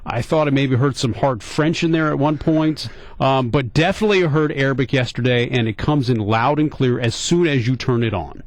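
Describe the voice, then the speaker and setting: A middle-aged American talk radio host with a medium-pitched voice speaks at normal speed in a radio studio, with no room sound. He tells a casual story conversationally, posing questions and repeating points for emphasis.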